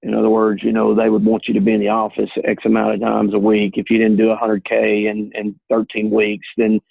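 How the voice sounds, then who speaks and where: A man's voice: fairly low pitch, monotone, brisk, gravelly, breathy edge, dry recording. A man who works as an insurance agent, explaining things earnestly in a casual talk over a call. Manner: earnest, plain-spoken explaining. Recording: tinny phone line, dry.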